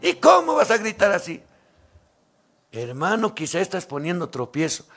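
A man with a Bolivian Spanish accent preaches a sermon at a moderate pace, his pitch swinging enormously. He moves between loud, fervent calls and low, quiet asides, acting out the voices of the people he quotes.

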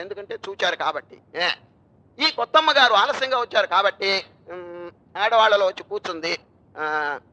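Bright high-voiced older Telugu swami. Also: male voice, poor audio. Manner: questions the listeners and answers himself; acts out dialogue and chants Sanskrit verse slowly. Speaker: swami giving a spiritual discourse. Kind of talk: devotional storytelling discourse.

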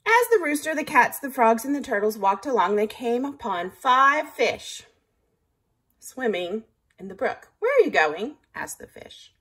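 A woman's voice: fairly high pitch, big pitch swings, a little slow, a bit bright, breathy edge. A woman reading a picture book aloud like a teacher, patiently stopping to count along.

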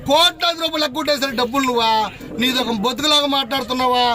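A man who is a local elected official, furiously shouting insults and challenges at a press conference. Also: extremely high pitch, rapid-fire. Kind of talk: angry press conference tirade. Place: press meeting.

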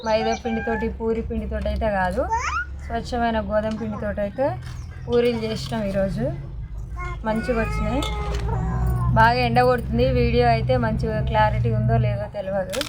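A woman's voice: fairly high pitch, little pitch movement, fairly quick, heavy background noise. A woman with a Telangana accent, chatting casually in a vlog while cooking outdoors and teasing her children. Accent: Telangana Telugu. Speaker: vlogger and mother. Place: outdoors by a smoky wood fire in the sun.

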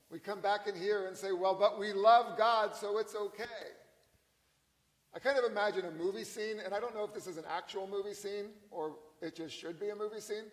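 A male pastor preaching a sermon in a conversational, emphatic way, slowing down on key lines. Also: high-pitched, long reverb tail, poor audio.

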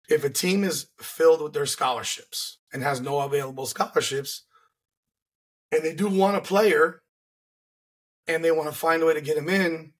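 Casting: male podcast host, thirties, hoarse and husky, lower-toned everyday register, opinionated sports rant delivered conversationally. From South Florida. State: hoarse voice from flu. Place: furnished home room, indoors. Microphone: large desk microphone close to the mouth.

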